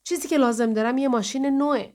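A woman's voice: high-pitched, a little mellow, pitched above the performer's own voice, lightly acted. A suspicious, curt female caretaker, read by a woman narrator in an audiobook. She answers in short, guarded lines.

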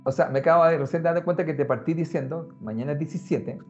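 A man, talking in a casual, animated way and speaking straight to the listener. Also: fairly high pitch, fast talker. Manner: animated, conversational, addresses the listener directly. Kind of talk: casual explanatory talk. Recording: muffled lo-fi sound with faint music.

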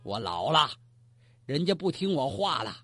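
A man's voice: on the high side, big pitch swings, unhurried, sharp tone, husky, no echo, faint music behind, pitched below the performer's own voice, exaggerated voice. A man voicing an old retired emperor who speaks coldly and grumbles in a storytelling performance. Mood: grumbling. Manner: cold, grumbling. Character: old retired male emperor, stern and touchy.

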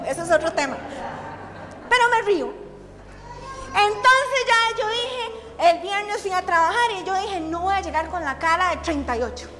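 High-voiced woman preaching in a church. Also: a little hiss or hum. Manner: animated storytelling with frequent laughter. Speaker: church speaker. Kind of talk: sermon. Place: church hall. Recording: reverberant church hall.

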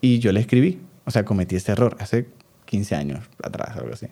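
Venezuelan guy in his 30s chatting on a podcast, warm low tone, acts out what people say. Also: brisk. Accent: Venezuelan Spanish. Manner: animated storytelling, acts out quoted voices. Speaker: podcast co-host. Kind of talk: casual chat.

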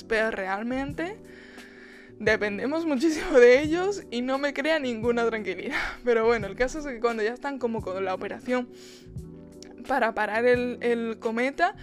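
A young woman hosting a podcast, chatting casually about a film with frequent laughs and restarts. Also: on the high side. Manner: chatty, laughs often, many restarts and quoted asides. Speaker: podcast host. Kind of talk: casual film review monologue.

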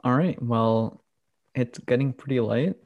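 A man's voice: mid-range voice, unhurried, dry recording, highs cut off. A young man co-hosting a casual podcast, talking to listeners in an easygoing way and announcing plans. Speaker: podcast co-host.

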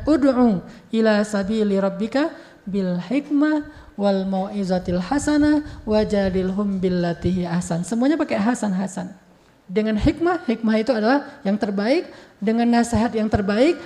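A woman preacher giving a casual religious talk, telling stories in a chatty, lively way with colloquial asides. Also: fairly high pitch.

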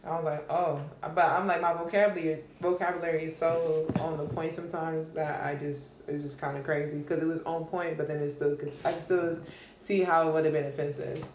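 A woman's voice: low voice, level tone, brisk. Rambling woman in her twenties, echoey room. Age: 20s. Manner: earnest, rambling with restarts. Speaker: podcast co-host. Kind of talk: casual podcast chat. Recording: echoey room with faint noise.

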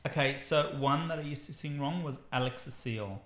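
A woman's voice: a bass voice, fairly quick. A woman co-hosting a comedy podcast, trading dry, sarcastic jokes in casual chat. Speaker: podcast co-host. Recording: roomy echo.

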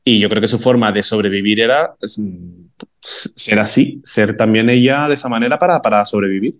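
A man's voice: lowish voice, moderate pace. A man telling stories frankly and bluntly in a casual podcast chat. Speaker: podcast co-host.

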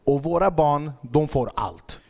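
Comedian hosting a podcast, jokey, keeps asking stuff. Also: male voice, a little high, animated, creaky, warm tone. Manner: joking, plays out quotes, asks probing questions. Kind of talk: casual chat.

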